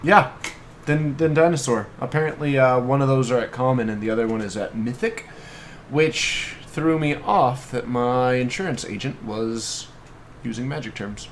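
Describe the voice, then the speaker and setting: A man's voice: medium pitch, moderate pace, a little hiss or hum. A man co-hosting a casual card review over a video call, trading dry wisecracks. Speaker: co-host reviewing cards. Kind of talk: casual joking chat.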